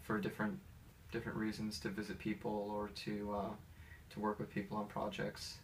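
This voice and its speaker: This Atlanta-born pianist in his thirties has an American accent and a fairly low voice, talking in a monotone at a slightly fast clip. He answers interview questions casually and hesitantly, in a rambling, personal manner, while a distant mic picks up faint background noise.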